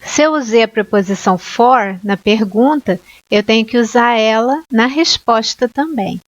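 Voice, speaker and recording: Woman teacher, Brazilian, unhurried patient explanations, slightly high voice, muffled lo-fi recording. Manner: slow, clear teaching explanations with frequent checks like "ok?". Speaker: English teacher. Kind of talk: online language lesson. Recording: dull lo-fi sound.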